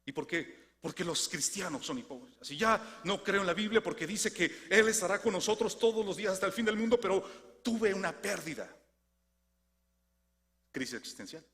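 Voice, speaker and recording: A man with a Mexican Spanish accent delivers a sermon in a slightly high voice that rings through a large hall with long reverb. He shifts between animated, questioning passages and quiet, lowered lines for emphasis. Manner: animated preaching, dropping to soft low tones for emphasis. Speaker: preacher.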